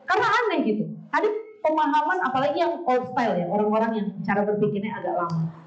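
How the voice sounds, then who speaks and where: A woman, giving a lively, blunt talk with humour to a women's study group. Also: fairly high pitch, fast, slight background noise. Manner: blunt, animated, acts out quoted voices, laughs often. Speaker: speaker at a women's study session. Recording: echoey far-off dull sound.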